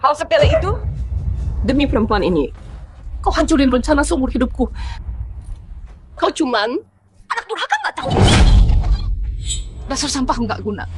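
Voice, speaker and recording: A woman's voice: sits high, big pitch swings, normal speed, pauses often. A woman voicing a vicious middle-aged mother-in-law who screams threats and cackles in a dubbed drama. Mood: raging. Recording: background hiss.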